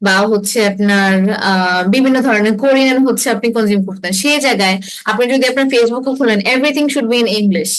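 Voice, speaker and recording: A woman's voice: a little high, a little fast, poor audio. A young woman, an exam-prep instructor, explains things in a lecture and mixes in English phrases. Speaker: IELTS instructor. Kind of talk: online class lecture.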